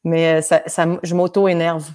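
A young woman with a Québécois French accent colored by traces of France, speaking in a slightly low voice. She talks casually as an interview guest, chatty and self-deprecating. Her speech is full of fillers and quick restarts. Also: flat delivery, darkish tone. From grew up between France and Quebec.

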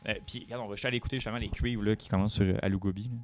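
A man's voice: lowish voice, fairly even intonation, racing. A man with a Quebec French accent, co-hosting a casual music podcast, hesitant with many fillers and restarts. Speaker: podcast co-host.

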